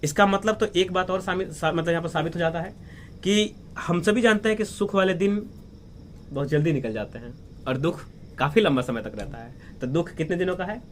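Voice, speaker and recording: A man teaches a story line by line. His voice sits a little high for a man, and he keeps stopping to put questions to his students. A faint hiss runs under the recording. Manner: explains slowly, asks questions and answers them himself. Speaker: English teacher. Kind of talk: line-by-line lesson explanation.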